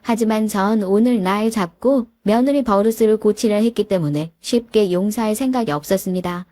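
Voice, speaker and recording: A woman's voice: mid-range voice, normal speed, warm tone, dry recording. Woman narrating a family story. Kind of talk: scripted storytelling.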